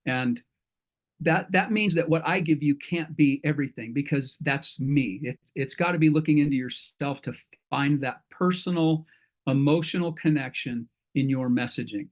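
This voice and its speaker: A man's voice: a little high, moderate pace. A middle-aged man hosting an online entrepreneur meetup in a folksy, rambling way, often correcting himself. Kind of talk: casual talk to an online group.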